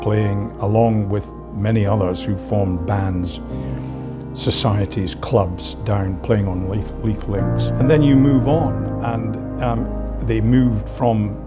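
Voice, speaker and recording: A man speaks in measured, halting phrases and restarts himself often. His voice sits low. Loud music plays beneath him. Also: steady tone. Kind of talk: interview answers.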